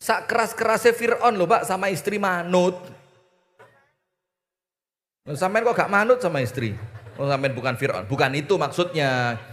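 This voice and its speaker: A man's voice: sits high, normal speed, pauses often, fairly bright tone. A man with an East Javanese accent preaching a humorous sermon, teasing his audience and mimicking voices. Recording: reverberant hall.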